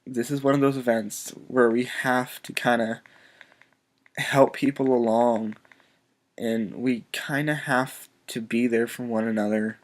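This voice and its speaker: Male vlogger, quiet and earnest, halting delivery, on the edge of tears, plain mid-pitch voice. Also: fairly even intonation. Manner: soft-spoken. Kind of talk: emotional personal video message.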